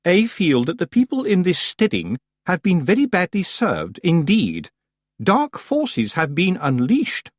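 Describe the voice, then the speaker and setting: A man voicing a pompous, falsely polite middle-aged woman witch with a high, sugary voice. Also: huge pitch swings, unhurried, no room sound, studio quality, full character voice. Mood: falsely sweet. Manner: falsely polite, gushing, grave.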